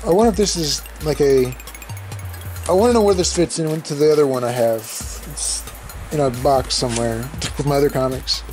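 Soft background music accompanies a young man giving casual unboxing commentary as he opens old comics on his bed, swearing and rambling into a handheld camera. He's a podcast host with a slightly high, somewhat mellow voice at normal speed. The recording is low quality.

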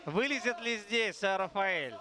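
A man's voice: high voice, lively intonation, measured pace. A man giving live play-by-play commentary on a mixed martial arts fight. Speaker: sports commentator. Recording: loud arena crowd behind commentary. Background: crowd noise.

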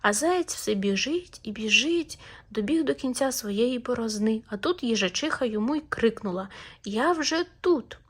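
A woman narrating a children's fairy tale audiobook in a lively, expressive storytelling manner. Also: on the high side, normal speed, breathy edge.

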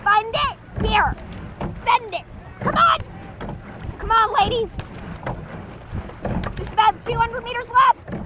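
A young woman coxswain shouting urgent, clipped, repetitive race commands to urge on rowers, outdoors in a boat. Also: very high voice, takes it slowly, long pauses. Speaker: rowing coxswain. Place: outdoors in a boat on open water. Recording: loud wind and water noise. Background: rowing clicks, water and wind.

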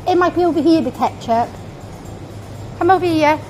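Over music and the noisy ambience of an indoor buffet restaurant, a vlogging mother with a Welsh accent talks to her child and coaxes them while recording on a handheld phone camera. She speaks at a normal speed in a very high-pitched voice.

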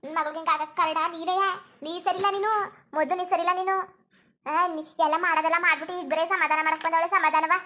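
An anxious village mother from a cartoon, acted by a woman who wails and pleads in rustic, colloquial speech. Her voice sits very high and her words tumble out quickly, and she turns sharply scolding when she is angry. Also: little pitch movement, sharp tone. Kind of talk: cartoon voice acting.

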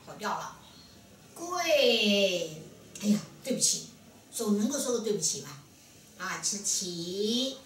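A woman with a Taiwanese Mandarin accent gives a sermon in a temple hall, with animated teasing rhetorical questions. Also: medium pitch. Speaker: spiritual teacher. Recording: echoey room from a distance, faint hum.

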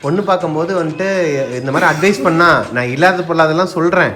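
A man's voice: a little high, fast, fairly bright tone. A man explaining a prank and signing off a vlog in a playful, boisterous way. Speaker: prank planner. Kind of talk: casual vlog chat and outro. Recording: echoey room.

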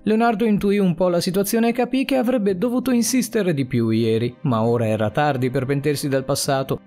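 A man narrating a suspense story in a dramatic, expressive reading. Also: a little high, fairly quick. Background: faint music.

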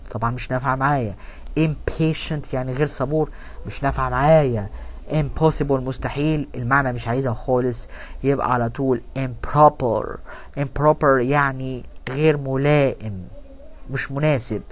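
A man with an Egyptian Arabic accent teaching an English grammar lesson. He reads the English sentences slowly and then explains them quickly in Arabic. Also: mid-range voice, steady tone, slight background noise.

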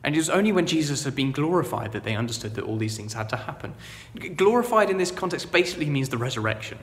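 A man preaching a sermon, earnest and conversational, moving between loud proclaiming and quiet reflection. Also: medium pitch, expressive, quick pace, big-room sound. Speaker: vicar. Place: church.

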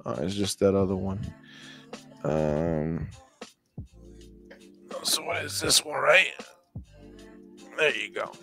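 A man's voice: lowish voice, slow, creaky, pauses often, sharp tone, soft background music. A man hosting a podcast, breaking down football film for his viewers in a casual way, thinking aloud and repeating himself. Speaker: podcast host reviewing game film. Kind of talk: casual film breakdown for a live stream audience.

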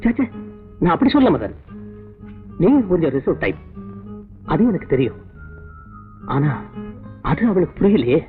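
An actor playing a doting elder brother and film producer who talks fondly and persuasively. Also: male voice, on the high side, sing-song, normal speed, long pauses. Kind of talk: 1980s Tamil film dialogue. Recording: dull old film soundtrack with faint music.

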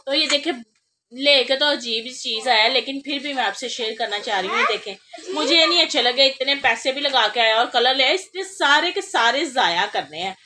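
A woman's voice: sits high, expressive, a little fast, noisy background. A young woman chatting casually in a home vlog, doting and often laughing, recorded on a phone camera indoors. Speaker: vlogger.

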